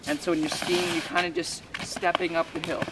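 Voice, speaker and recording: A man's voice: a little high, level tone, a little fast. A young man explaining ski technique step by step in a casual way, recorded outdoors on a snowy trail. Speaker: ski instructor. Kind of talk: outdoor instructional talk. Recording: distant outdoor mic with noise.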